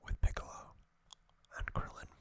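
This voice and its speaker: An ASMR host gives a relaxed trivia recap in a fully whispered, breathy voice. The delivery is soft and unhurried, with hesitant fillers and small self-corrections.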